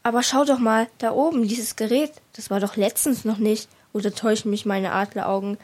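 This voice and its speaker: A chirpy little kobold-like man, played by a woman in a children's audio story. He chatters along easily with high, airy tones and a breathy edge. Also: steady tone, brisk, darkish tone. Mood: curious. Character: small cheerful male manikin, kobold-like.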